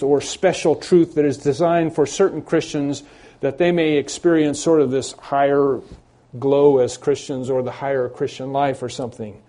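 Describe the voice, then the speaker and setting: A man preaching an expository sermon, reading scripture aloud slowly and repeating key phrases for emphasis. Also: mid-range voice, mellow.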